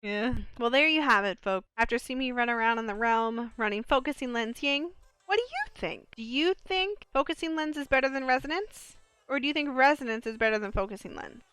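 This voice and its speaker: A woman doing excitable gameplay commentary as a video creator. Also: sits high, fairly quick, smooth. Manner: excitable, exclaims during play.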